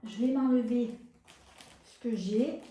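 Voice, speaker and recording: A French woman showing makeup on camera, gushing about each product and filling pauses with hesitations and repeated words. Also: on the high side, mellow, a little hiss or hum. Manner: gushing, enthusiastic over products. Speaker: beauty vlogger. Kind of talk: casual product demo. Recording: echoey room.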